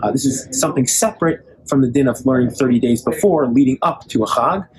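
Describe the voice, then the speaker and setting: A young man, a Torah teacher, gives a recorded Talmud lecture, reading Hebrew and Aramaic sources aloud and explaining them in English. He talks fast at a medium pitch, and the poor audio carries clear background noise from passing vehicles.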